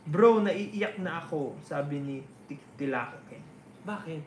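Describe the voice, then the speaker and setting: A man's voice: on the high side, expressive, slow pace, heavy background noise. A man hosting a casual livestream, reading viewers' comments aloud and answering them with playful, teasing banter. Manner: playful, teasing banter mixing Tagalog and English. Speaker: livestream host. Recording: roomy sound with loud ukulele music. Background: loud ukulele music.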